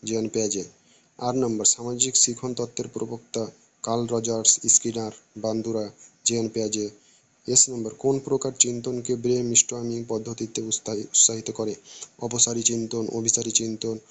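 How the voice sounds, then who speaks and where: A man reading exam questions and answer options aloud for students, in a steady voice with occasional restarts. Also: mid-range voice. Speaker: teacher reading an exam paper.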